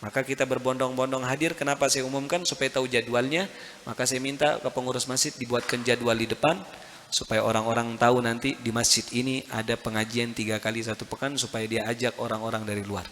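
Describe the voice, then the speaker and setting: A man preaching a mosque sermon, emphatic, with sudden high rises and rhetorical questions to the crowd. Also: flat delivery, quick pace, fairly bright tone, long reverb tail, a little hiss or hum. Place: mosque hall.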